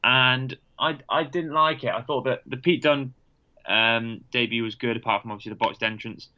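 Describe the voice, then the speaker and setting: A man's voice: medium pitch, steady tone, moderate pace, muffled recording. A man co-hosting a podcast, chatting casually about wrestling in an exasperated way, often restarting his sentences. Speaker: podcast co-host.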